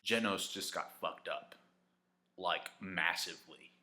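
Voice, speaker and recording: A man giving live reaction commentary on an anime episode, exclaiming and cheering at the screen, then reviewing more calmly. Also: deep voice, takes it slowly. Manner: calmer reflective review toward the end.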